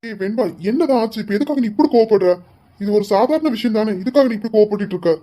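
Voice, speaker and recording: A woman's voice: fairly high pitch, expressive, fast, warm tone. A woman playing an apologetic young husband in a comic couple skit, coaxing and begging forgiveness, sometimes turning irritated.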